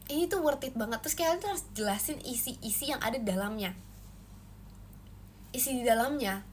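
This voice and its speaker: A young woman hosting a casual livestream, playfully chatting with viewers and answering their comments. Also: a little hiss or hum. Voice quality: says her own voice gets shrill when loud. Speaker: idol livestream host. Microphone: phone livestream.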